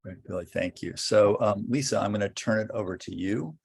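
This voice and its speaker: A man's voice: on the low side, fairly quick, gravelly, husky. A man chairing an online meeting, hesitant with many fillers. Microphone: video call.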